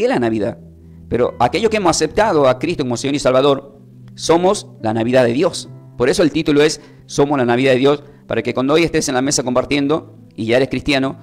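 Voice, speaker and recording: A man teaching a Bible lesson, slowly spelling out and repeating words for his listeners. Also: medium pitch. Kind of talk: sermon.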